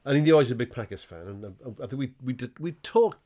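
A man's voice: mid-range voice, animated, fast talker, warm tone. A man hosting a casual podcast chat, recounting his side of a story in a chatty way. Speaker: podcast host.

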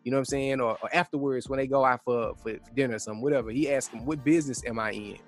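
A man's voice: mid-range voice, steady tone, very fast, faint music behind. A man co-hosting a casual discussion, talking in a slangy, conversational way and retelling stories as quoted dialogue. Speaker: podcast co-host.

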